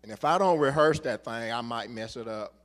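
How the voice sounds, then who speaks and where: A middle-aged man preaching a sermon, repeating phrases for rhythm and building to emphatic shouts. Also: medium pitch, brisk.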